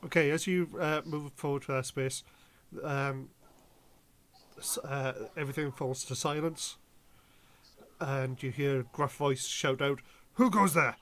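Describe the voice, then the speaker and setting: A man running a tabletop game as game master, hesitant, with many pauses and restarts. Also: mid-range voice, flat delivery, a bit bright, a little hiss or hum. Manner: hesitant, lots of ums and restarts.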